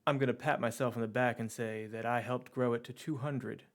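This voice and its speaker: A man's voice: medium pitch, steady tone, a little fast, natural voice. A man voicing a confident male gang leader addressing his crew, blunt and wry, in tabletop role-play. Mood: self-assured.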